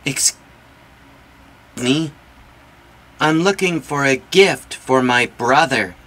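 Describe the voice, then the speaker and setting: A man voicing a polite shopper and shop clerk in a scripted English textbook listening dialogue, speaking in slow, carefully enunciated English. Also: mid-range voice, fairly bright tone.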